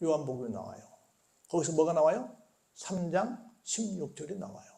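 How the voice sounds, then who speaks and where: A man preaching a Sunday sermon as a church pastor, asking the congregation questions and answering them himself, swinging between loud bursts and hushed lines. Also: a little high, lively intonation, moderate pace, gravelly. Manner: call-and-response questions to the congregation. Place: church sanctuary.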